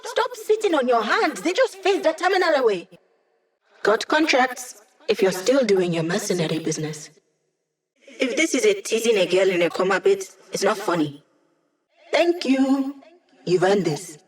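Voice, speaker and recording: A woman's voice: fairly high pitch, big pitch swings, moderate pace, reverberant, recorded from a distance. A woman voicing a cocky, playful young female hacker in a video game, with a wry, teasing, self-assured delivery. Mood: urgent, commanding, then dry, playful. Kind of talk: video game character voice lines.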